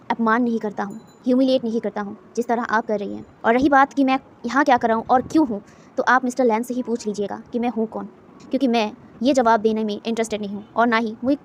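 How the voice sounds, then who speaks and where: A woman's voice: fairly high pitch, slight background noise, lightly acted. A woman voicing a proud young man who firmly stands up for himself, in a storybook reading. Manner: indignant, firm speech. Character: proud young man, hurt but defiant.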